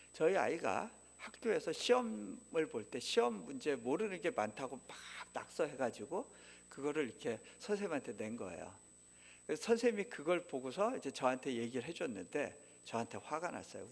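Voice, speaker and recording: A man's voice: fairly high pitch, vocal fry, slightly rough. A middle-aged man, a missionary, telling a personal story in a sermon and asking the congregation questions. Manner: lively, asks the audience questions. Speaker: missionary speaker. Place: church sanctuary. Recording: long reverb of a church hall.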